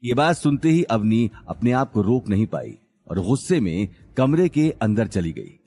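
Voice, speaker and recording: A man narrating a dramatic family story in an expressive audiobook style. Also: lowish voice, normal speed.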